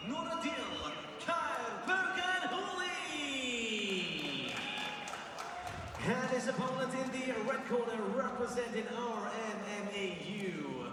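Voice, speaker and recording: A man's voice: very high-pitched, background noise. A man announcing fighters as a boxing ring announcer, drawing out and singing out the names. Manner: drawn-out, sung-out fighter names. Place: large indoor arena over PA. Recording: echoey arena PA from far off, music behind.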